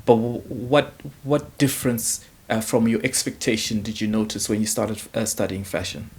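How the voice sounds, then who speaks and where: A man's voice: on the low side, level tone, darkish tone, breathy edge. A man hosting an interview, asking questions casually with frequent uhs and restarts. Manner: halting, many uhs and mm-hmms. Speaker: interviewer, host.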